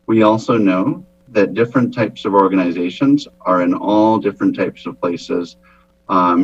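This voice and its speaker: A man giving a formal explanation to a committee, with measured, hesitant phrasing. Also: low-pitched, slightly rough, dry recording. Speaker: presenter to a committee. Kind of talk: formal explanatory meeting talk. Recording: dull, lo-fi meeting audio.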